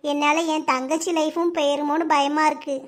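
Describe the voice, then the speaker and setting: Woman voicing a young cartoon woman, Kanyakumari Tamil accent, very high voice, halting, troubled. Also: flat delivery, close to an everyday voice. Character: young woman Thulasi, upset and evasive friend. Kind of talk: cartoon voice acting.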